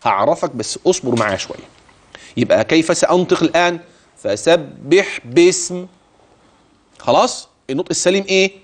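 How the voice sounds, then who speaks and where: A man's voice: a little high, expressive, fast talker, a little hiss or hum. A middle-aged man with an Egyptian Arabic accent teaching Quran recitation rules, voicing his students' questions and then answering them himself. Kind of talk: tajweed lesson with recited verses.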